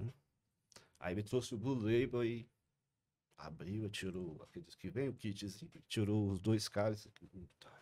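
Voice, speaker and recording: A man with a Cearense accent, telling casual anecdotes as a lively storyteller with big pitch jumps. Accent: Cearense Brazilian Portuguese. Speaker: podcast guest, son-in-law of the judge.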